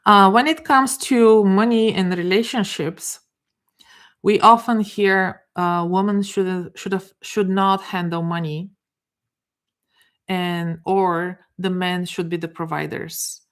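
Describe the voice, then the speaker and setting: With a medium-pitched, steady and slightly bright voice, a middle-aged woman with a Bulgarian accent leads a live coaching talk. It is unscripted and halting, with restarts and repeated words as she hunts for phrasing.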